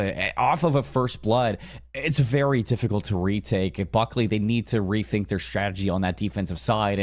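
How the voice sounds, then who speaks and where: A man giving live esports commentary, following the play and analysing team tactics as he goes. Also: on the low side.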